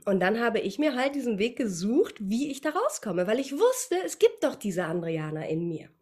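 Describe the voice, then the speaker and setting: A woman's voice: a little high, slightly rough. A woman voice coach talking as a guest in a podcast interview, speaking in a motivational, encouraging way. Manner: lively, warm coaching tone, laughs often.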